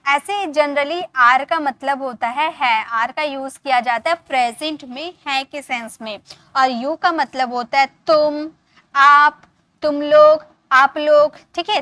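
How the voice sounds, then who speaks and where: A woman with a high, sharp voice teaches beginner English, explaining in Hindi in a recording with no echo. She patiently spells out words, repeats pronunciations and quizzes the viewer.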